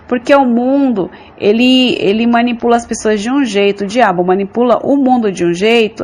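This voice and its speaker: Brazilian woman giving earnest church testimony. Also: medium pitch. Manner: earnest, repetitive, addresses listeners as brothers and sisters. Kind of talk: religious testimony.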